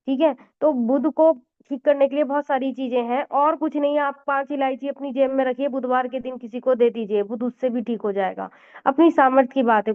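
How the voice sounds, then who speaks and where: A woman astrologer giving a conversational astrology lesson, explaining with frequent fillers and mixed-in English words. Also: high voice. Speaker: Vedic astrologer teacher. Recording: tinny phone-like audio.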